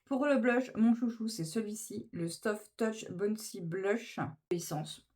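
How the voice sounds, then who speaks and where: A woman's voice: mid-range voice, slow, a little mellow. A woman chatting casually through a makeup tutorial, gushing with enthusiasm over each product. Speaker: beauty vlogger.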